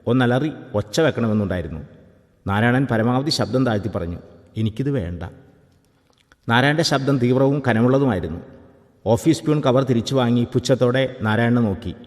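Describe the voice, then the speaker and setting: A man reading a story aloud in a calm, even storytelling manner. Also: mid-range voice, brisk, long reverb tail. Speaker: narrator. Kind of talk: scripted story narration.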